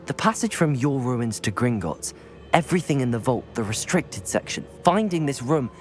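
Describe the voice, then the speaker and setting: A man plays a young male student wizard in a video game. He is polite and composed, with a mid-pitched, lively intonation. Soft music sits behind him. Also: moderate pace, natural voice. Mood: composed, respectful. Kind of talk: scripted game dialogue.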